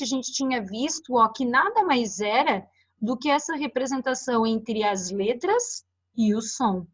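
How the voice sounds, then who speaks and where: A woman's voice: sits high, a bit bright. Brazilian woman teacher, dull lo-fi lecture. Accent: Brazilian Portuguese. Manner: explanatory, points at slides, frequent "né" and "ó". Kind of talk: recorded online lecture on phonetics.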